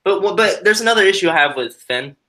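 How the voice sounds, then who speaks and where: A man talks as a guest on a live stream, his voice sitting a little high with a crisp, bright edge. He rambles, stops himself and restarts his thoughts in a relaxed, chatty way. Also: fast talker, slight background noise. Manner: rambling, self-interrupting. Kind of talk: casual chat.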